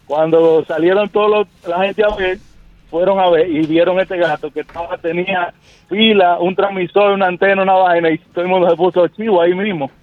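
A Dominican man tells a rambling, slangy story on a radio show. He comes through a thin, phone-like line, and his voice sits a bit high. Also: fairly even intonation, a little fast. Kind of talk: storytelling anecdote.

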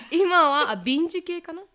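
A woman's voice: very high-pitched, pushed and bright. A woman co-hosting a podcast in casual chat, listening closely with short replies and reading out a listener's letter. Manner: attentive, frequent short backchannels. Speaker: podcast co-host.

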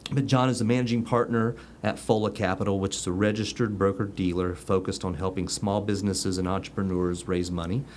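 A man's voice: deep voice, level tone, fairly quick, hardly any pauses, a little mellow, slight background noise. A man hosting a casual chat show, joking and rambling with fillers. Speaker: host.

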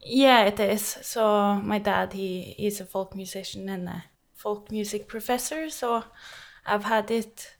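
A young woman with a Norwegian accent who speaks Norwegian natively, chatting as a guest in an interview, cheerful, laughing often, pausing with many fillers. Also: mid-range voice, creaky. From Norway. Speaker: guest musician. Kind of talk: casual interview talk.

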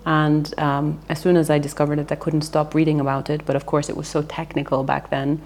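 A woman in her thirties from England, a company founder, tells her career story candidly in a casual interview, filling it with frequent fillers. Her voice is low and darkish, with a level tone and a brisk pace.

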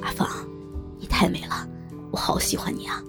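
A woman putting on a hushed, pushy man. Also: very animated, normal speed, gravelly, over music, exaggerated voice. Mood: coaxing. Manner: low hushed coaxing, half-whispered. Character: pushy smooth-talking adult man, persistent.

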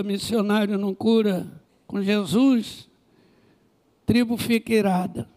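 Man, pastor, Brazilian Portuguese accent, very high voice, gravelly, animated sermon story. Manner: animated storytelling with comic asides.

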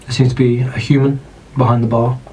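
A man with a British accent, narrating as dungeon master in an unhurried, descriptive way. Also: mid-range voice, flat delivery, dark tone, low-quality recording. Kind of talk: narrating a tabletop game.

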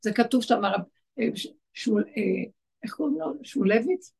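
A woman with a high, husky voice teaches a religious class. She speaks with insistent emphasis and drives her points home by repeating short commands. Her tone is that of a teacher addressing a room of women. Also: expressive, darkish tone. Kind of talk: exhortative religious lesson.

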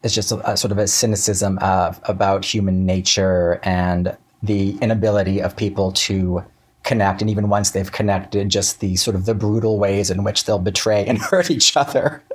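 A man with a lowish, slightly rough voice is interviewed as a writer and chats casually. His manner is wry and halting, full of self-interruptions and acted-out asides.

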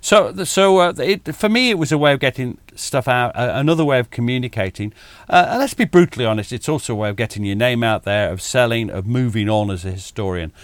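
Lively, chuckling male historian on a call. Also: medium pitch, quick pace, few pauses, no room sound. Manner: animated, self-deprecating, chuckles often, frequent restarts. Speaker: military historian, podcaster, guest. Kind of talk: conversational interview over video call. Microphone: video call.

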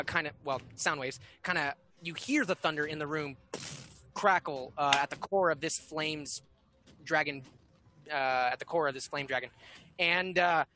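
A man narrating as game master, talking in halting bursts with many fillers and restarts. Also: a little high, bright, forceful tone, slight background noise.

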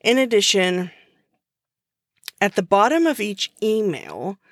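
A woman hosting her own podcast talks through a subject in a relaxed, unscripted way, often restarting a sentence as she goes. Her delivery is slow and easygoing. The sound is dry and close, with no room echo. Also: medium pitch. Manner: chatty, restarts often, uses fillers. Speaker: podcast host. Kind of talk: casual solo podcast explainer.

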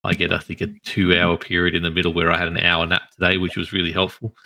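Tired, deep man hosting. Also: monotone, fast talker, vocal fry, pushed and bright. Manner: stumbling over words. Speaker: podcast host. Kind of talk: casual podcast chat.

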